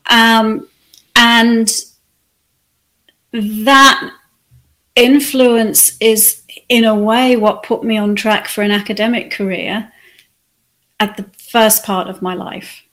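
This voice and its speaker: A woman from England, reflecting on her life as an interview guest in a soft, thoughtful way. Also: fairly high pitch, fairly even intonation, takes it slowly, long pauses. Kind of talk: conversational interview.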